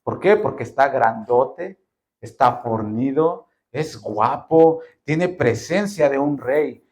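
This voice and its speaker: A man's voice: mid-range voice, expressive, takes it slowly, a little mellow. A man preaching a sermon in a church, acting out little dialogues and firing off rhetorical questions. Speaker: pastor.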